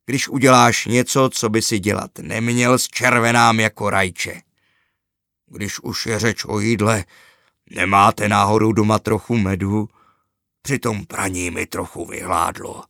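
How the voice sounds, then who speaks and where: A kindly plush teddy bear from a storybook, put on by a man reading aloud, talking slowly and warmly to the children. The voice sits a bit lower than the narration and is recorded dry and close. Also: fairly even intonation, creaky, dry recording. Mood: gentle. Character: friendly plush teddy bear, gentle and helpful.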